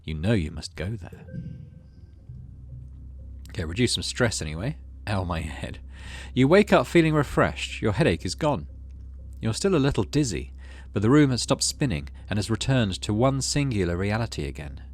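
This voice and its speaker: A man with a voice on the low side hosts a gaming channel, reading game narration aloud expressively at a moderate pace. He tells the story with flair, dropping in casual asides as commentary.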